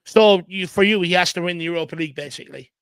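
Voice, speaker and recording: A man's voice: sits high, fast talker, fairly bright tone, clear, resonant tone, dry recording. A man hosting a casual football live stream. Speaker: host.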